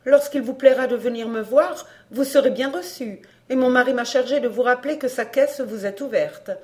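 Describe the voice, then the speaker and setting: A woman reading an audiobook, voicing a haughty, overbearing middle-aged mother with a sharp, peremptory manner. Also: on the high side, normal speed, natural voice.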